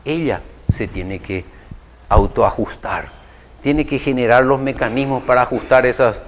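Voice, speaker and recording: A man giving an unhurried spiritual lecture to an audience, often posing rhetorical questions. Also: medium pitch. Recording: long hall reverb.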